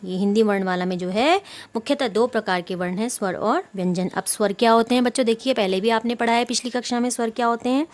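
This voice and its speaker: A woman's voice: a little high, fairly even intonation, quick pace, a little mellow. A woman teacher explaining grammar patiently to pupils, repeating points and answering her own questions, with English words mixed in. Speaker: school Hindi teacher. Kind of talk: online class lesson.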